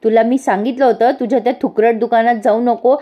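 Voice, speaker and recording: A woman's voice: on the high side, steady tone, quick pace, muffled recording, close to an everyday voice. A woman voicing a haughty rich mother-in-law who scolds harshly in a TV serial recap. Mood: scolding.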